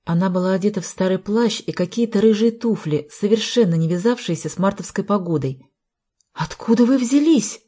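A woman reading a novel aloud in an even, measured narration. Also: medium pitch. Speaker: audiobook narrator. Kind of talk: scripted narration.

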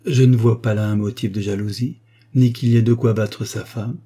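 A gentle, patient old village priest, as a man reading aloud puts him on in a storybook, speaking low and quietly. His voice is dark and slightly husky. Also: steady tone, normal speed.

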